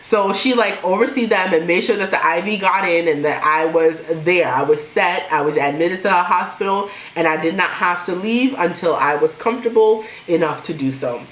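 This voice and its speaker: A young woman vlogger telling a personal story in a casual, animated way, laughing now and then. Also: on the low side, normal speed, hardly any pauses. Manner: animated, laughs while telling, imitates others. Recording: echoey room with faint noise.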